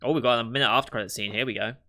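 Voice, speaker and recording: A man hosting an anime reaction, thinking aloud in casual commentary and musing over what the characters will do next, with the odd soft laugh. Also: medium pitch, fairly even intonation, racing. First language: not Japanese.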